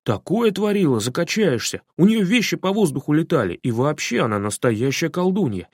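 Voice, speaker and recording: A man's voice: on the high side, very animated, brisk, no echo, clean studio sound. A man voicing a timid, reluctant schoolboy who grumbles hesitantly. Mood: excited.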